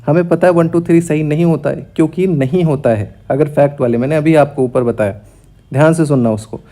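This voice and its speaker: A young male teacher walks through exam questions in a brisk, direct manner, dropping English terms into his explanations. His voice sits a little high yet sounds mellow and relaxed. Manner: brisk, talks straight to students, mixes English terms into Hindi.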